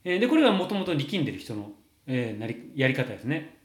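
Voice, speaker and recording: A man coaching singing, answering viewer questions in a lively, explanatory way with frequent fillers. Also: mid-range voice, fast. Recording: roomy echo.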